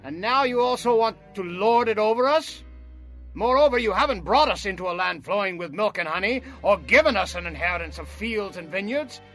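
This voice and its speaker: A defiant rebel, scornful, high and bright, tense edge. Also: male voice, animated, a little fast. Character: defiant, bitter male rebel leaders. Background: faint music.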